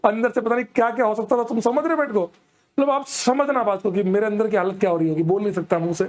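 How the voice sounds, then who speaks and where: A young man, telling a comic story in an animated way and keeping checking that the audience follows. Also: high voice, fast talker. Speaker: stand-up comedian. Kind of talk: storytelling comedy.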